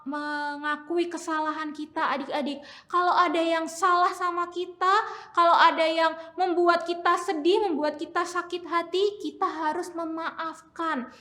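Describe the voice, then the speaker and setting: A woman's voice: high voice, bright, forceful tone. A young woman giving a children's sermon as a church teacher, coaxing and asking the kids questions.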